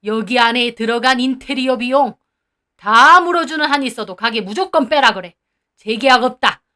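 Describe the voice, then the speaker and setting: A stern old grandfather, as a woman narrator puts him on, scolding in slow, firm words. The voice stays fairly high, with a raised pitch. It is a storybook reading. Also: bright, forceful tone. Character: proud, angry old grandfather who owns the building.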